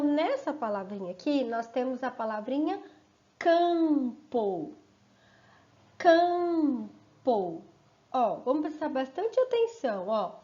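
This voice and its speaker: Woman, primary teacher, slightly high voice, slow and careful, drawing out each sound for children. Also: darkish tone, highs cut off. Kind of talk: slow remote lesson for children and families.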